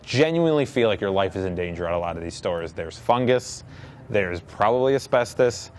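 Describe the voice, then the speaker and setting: A man's voice: on the low side, expressive, brisk, a little hiss or hum. A man being interviewed, speaking in a wry, dry way.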